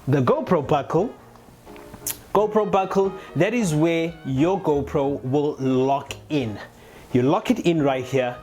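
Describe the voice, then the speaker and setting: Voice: medium pitch, a little mellow. A chatty vlogger of unclear sex giving a casual how-to explanation and speaking directly to viewers. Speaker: motovlogger presenting a gear tutorial. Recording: music playing behind the voice. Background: background music.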